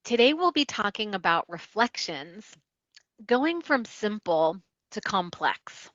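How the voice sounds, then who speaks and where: A woman wellness coach teaches a coaching technique in an explanatory lesson, now and then voicing what a client might say. Her voice is bright and forward. The recording is dry, with a slightly muffled, dull tone. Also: medium pitch, big pitch swings, takes it slowly, dry recording. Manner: warm explanatory teaching, acts out client quotes. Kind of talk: instructional talk.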